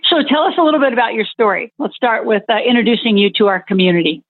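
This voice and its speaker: A woman hosting a podcast interview, talking in a brisk, upbeat presenter manner. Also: fairly high pitch, dry recording. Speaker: podcast host. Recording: tinny phone line, dry, faint music behind.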